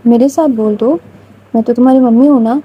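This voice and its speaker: A woman voicing a gentle, motherly older woman who coaxes softly. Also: fairly high pitch, steady tone, husky, highs cut off. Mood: coaxing. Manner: soft, coaxing.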